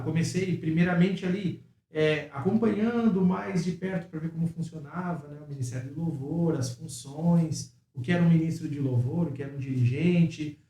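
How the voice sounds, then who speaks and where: A man, a math teacher and church musician explaining his story calmly, often adding tag questions. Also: a little high. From Uruguaiana, Rio Grande do Sul, Brazil. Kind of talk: casual chat. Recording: echoey room, distant mic.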